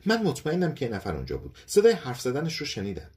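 A man's voice: fairly high pitch, wildly swooping pitch, darkish tone, voice pushed up. A man voicing a worried wife who insists she heard someone, in an audiobook story. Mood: uneasy.

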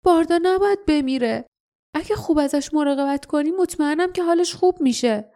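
A woman's voice: high-pitched, mellow, pitched above the performer's own voice. A woman voicing a tearful, determined boy. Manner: earnest, pleading.

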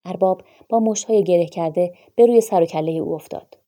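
A woman narrating a literary story in a measured, dramatic reading. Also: on the low side, dark tone.

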